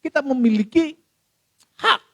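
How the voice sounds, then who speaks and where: High-voiced pastor preaching with emotion. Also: male voice, measured pace, no room sound. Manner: emotional storytelling, swings from loud to hushed; repeats the congregation address often. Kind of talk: sermon.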